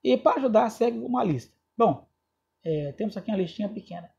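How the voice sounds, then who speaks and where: Brazilian guy teaching english grammar, bit husky, dull muffled sound. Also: high voice, animated, quick pace, darkish tone. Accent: Brazilian Portuguese. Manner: checks in with students often, spells out endings letter by letter. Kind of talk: recorded lesson explaining grammar.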